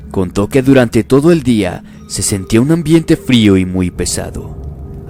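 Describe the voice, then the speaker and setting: A man tells a horror story in a measured, grave tone. His voice sits on the low side, and soft music plays quietly under the narration.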